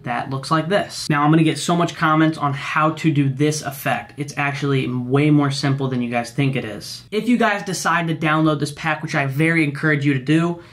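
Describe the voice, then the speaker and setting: A young man casually teaching video editing step by step, explaining each click in a relaxed, slangy way while recording his screen at home. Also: a little high, a little fast, few pauses. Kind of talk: screen-recorded software tutorial.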